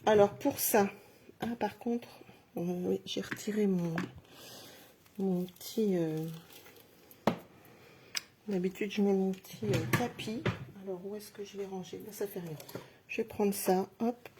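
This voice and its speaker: A woman's voice: medium pitch, fairly even intonation, measured pace, pauses often, dark tone, slight background noise. A middle-aged woman giving a live craft demonstration, chatting through each step and talking straight to her viewers. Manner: chatty, narrates each step while working; addresses viewers directly, self-encouraging.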